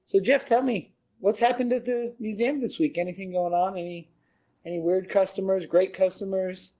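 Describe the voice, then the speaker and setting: A man's voice: high-pitched, steady tone, normal speed, mellow. A man co-hosting a podcast in casual chat, easygoing, prompting his co-host with questions and laughing along.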